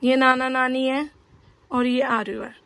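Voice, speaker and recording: Young female vlogger with a high voice, talkative and rambling, speaks straight to camera. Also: level tone, unhurried, fairly bright tone, no room sound. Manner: chatty and rambling, addresses viewers directly. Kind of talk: casual vlog chat.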